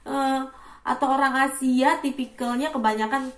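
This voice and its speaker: A woman in her thirties in casual vlog chat, acting out loud greetings. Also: sits high, fairly even intonation, moderate pace, roomy sound, recorded from a distance. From Indonesia. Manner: chatty, acts out loud greetings. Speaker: vlogger.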